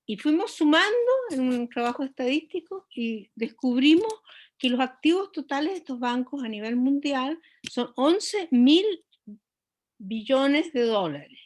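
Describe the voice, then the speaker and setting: A woman economist speaking as an interview guest, explaining at length with frequent hesitations and restarts. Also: on the high side. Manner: measured, many hesitations and restarts.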